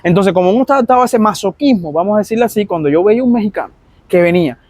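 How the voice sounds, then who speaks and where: A Cuban-accented man, a doctor talking casually to his vlog audience, with a rather high voice. He tells his stories animatedly and acts out his patients' complaints. The recording is close and dry, with no room echo. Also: animated, very fast, a little mellow. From Cuba.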